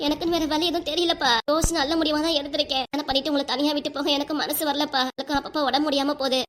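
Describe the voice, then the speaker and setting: A devoted but stubborn young cartoon daughter, voiced by a woman, arguing her case with her father. Her voice sits high, and she talks very quickly and insistently in a southern Tamil dialect. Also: little pitch movement, fairly bright tone. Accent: Tamil, southern Tamil Nadu dialect. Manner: insistent, emotional, rapid.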